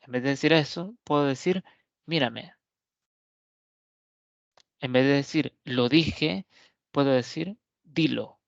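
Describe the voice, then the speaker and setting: Slow, deliberate male teacher. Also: medium pitch, vocal fry, no room sound. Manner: slow, deliberate explaining with frequent pauses and checks on the listener. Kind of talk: recorded grammar lesson. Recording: dull, lo-fi dry recording.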